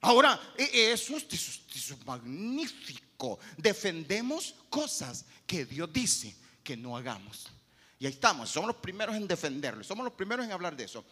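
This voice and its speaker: A man's voice: on the high side, big pitch swings, normal speed, bright, forceful tone, slightly rough, in a large hall. A male pastor, preaching emphatically and repeating key phrases. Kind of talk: sermon.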